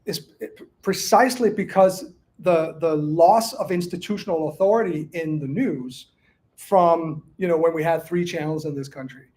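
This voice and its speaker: A man from Denmark, an author answering audience questions in casual academic talk, halting with many restarts and fillers. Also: a little high, darkish tone.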